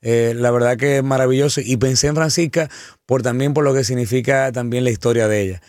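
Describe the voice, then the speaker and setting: A man's voice: medium pitch, fairly even intonation, brisk, a little mellow, dry recording. Man, singer guest, eager, dry close sound. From Dominican Republic. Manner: eager, repeats and restarts words, laughs easily. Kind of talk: casual interview chat.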